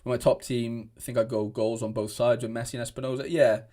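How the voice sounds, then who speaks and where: Answering viewer comments from his desk at home, the young Welsh streamer chats loosely and keeps starting over. His medium-pitched voice is mellow, with fairly even intonation and a quick pace.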